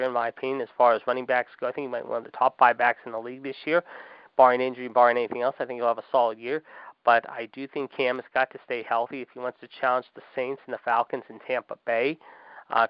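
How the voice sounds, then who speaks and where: A man hosts a sports talk show, delivering emphatic opinions in a smooth, clear voice, leaning on fillers and a habitual "however". The recording is dry and slightly dull, like a modest home setup. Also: mid-range voice, dry recording. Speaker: podcast host. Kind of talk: opinionated sports commentary monologue.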